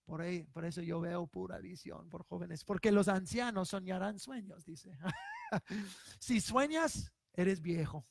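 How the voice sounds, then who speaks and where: A man preaching a sermon as pastor to his congregation, emphatic and swelling to loud stressed lines. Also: sits high, a little slow, creaky, dry recording.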